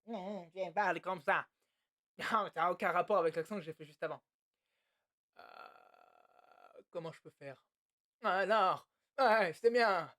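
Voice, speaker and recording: A man's voice: high voice, slow pace, pauses often, fairly bright tone. A man playing a video game, reading its text aloud with crude, joking, muttered asides. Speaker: let's play host. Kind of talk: casual game commentary and reading.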